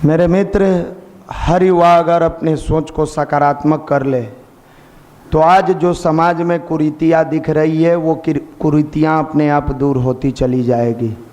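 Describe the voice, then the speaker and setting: High-voiced Bihari man lecturing in a hall. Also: fairly even intonation, a little slow, darkish tone. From Bihar, India. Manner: rhetorical and exhorting, asks the audience questions, mixes in English words. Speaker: speaker addressing a youth seminar. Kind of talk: motivational lecture. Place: indoor seminar hall. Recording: long reverb of a hall.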